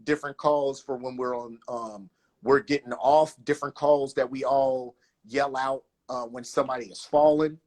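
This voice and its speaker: A man talking casually as a guest roller skater, in an animated way, with loose slang and a habit of restarting phrases. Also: mid-range voice, moderate pace. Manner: animated, loose slang, restarts often, says "you know what I'm saying". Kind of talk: casual conversation.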